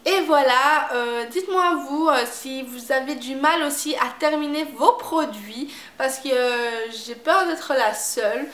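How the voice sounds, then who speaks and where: A woman chatting casually about makeup she has used up, repeating herself and filling pauses often. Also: high voice, fairly bright tone, roomy sound. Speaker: beauty vlogger. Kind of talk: casual product review chat.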